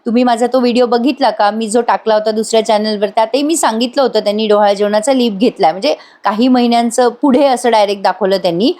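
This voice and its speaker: A woman with a fairly high, mellow voice talks fast, barely pausing, as she gives a chatty voice-over recap of a TV serial. She reviews the show while speaking directly to her viewers.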